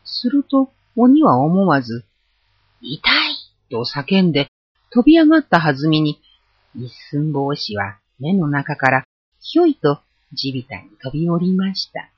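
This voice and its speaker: A storyteller reads a folk tale aloud with a lively, expressive delivery. The voice is husky, and its pitch moves a lot. The recording is dull and lo-fi. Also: normal speed, no room sound.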